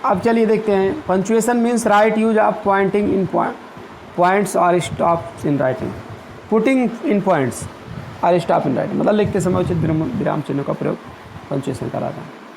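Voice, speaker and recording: A man with a fairly high voice teaches a grammar lesson. He goes step by step with everyday examples and reads example sentences slowly. There is a faint hum of background noise. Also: gravelly, darkish tone, low-quality recording. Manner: checks in with "ठीक है" and "clear".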